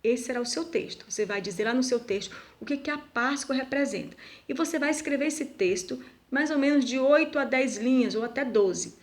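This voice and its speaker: A woman teacher giving a recorded video lesson to schoolchildren, speaking slowly and deliberately and asking the pupils questions. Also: high voice. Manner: slow, deliberate, asks pupils rhetorical questions.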